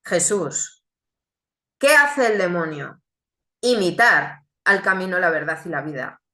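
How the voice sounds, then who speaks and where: Woman w/ telling her faith story, bright clear voice, echoey room. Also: fairly low pitch, animated, slow. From Chile, raised in Spain. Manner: earnest, reflective, with rhetorical questions. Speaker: speaker giving a faith testimony. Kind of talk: testimony talk.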